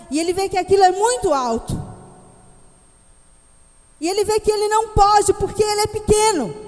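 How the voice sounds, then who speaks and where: A woman's voice: extremely high pitch, a little mellow. A woman preacher delivering an emphatic, dramatic sermon to her congregation in a church hall. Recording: echoey church hall reverb.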